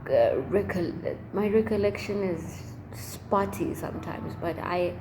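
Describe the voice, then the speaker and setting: A young adult woman chatting casually as a vlogger, rambling and expressive, with emphatic, slangy phrasing. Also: on the low side, slow pace. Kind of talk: casual chat to camera. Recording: noticeable background noise.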